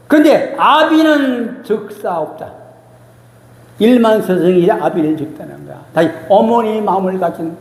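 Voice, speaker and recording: High-voiced pastor preaching in echoey hall. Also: male voice, a little mellow. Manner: emotional, emphatic preaching with repeated phrases. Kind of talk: sermon. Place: church sanctuary. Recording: roomy church hall reverb.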